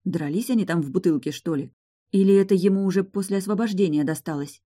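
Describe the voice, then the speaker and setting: A woman's voice: fairly low pitch, quick pace, mellow. A woman narrating a first-person fantasy novel with vivid, emotional storytelling. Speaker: audiobook narrator.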